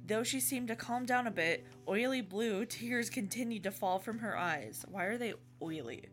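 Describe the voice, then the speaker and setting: A woman's voice: medium pitch, lively intonation, normal speed. A woman reading a story aloud as narrator, with casual asides. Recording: music under the voice.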